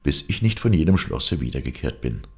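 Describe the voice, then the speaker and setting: Give me a firm brave knight voiced by a male reader, very deep and gravelly. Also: very animated, a little fast, darkish tone, exaggerated voice. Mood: resolute. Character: brave young knight, determined.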